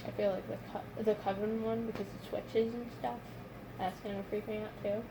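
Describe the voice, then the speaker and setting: A woman's voice: medium pitch, flat delivery, brisk, background noise. A young adult woman chatting casually and retelling moments dramatically, acting out what people said. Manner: dramatic retelling with quoted dialogue. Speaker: patient recovering from wisdom tooth extraction. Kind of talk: casual chat.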